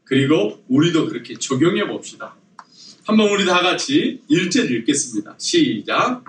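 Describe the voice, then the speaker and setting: A man's voice: a little high, normal speed, a little hiss or hum. A man preaching a sermon as pastor, telling a joke story and prompting the congregation to repeat after him. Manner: lively storytelling with jokes and audience prompts. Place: church sanctuary. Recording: echoey church hall, mic at a distance.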